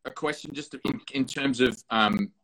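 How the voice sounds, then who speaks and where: A man's voice: mid-range voice, normal speed, a bit bright, poor audio. Rambling, effusive male host. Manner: rambling, effusive, stumbling over words. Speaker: show host. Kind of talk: casual chat interview.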